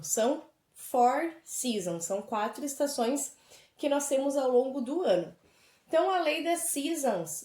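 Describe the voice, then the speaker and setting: A woman with a Brazilian Portuguese accent, teaching an English lesson remotely and explaining words slowly and clearly to children. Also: high-pitched, a little mellow, reverberant.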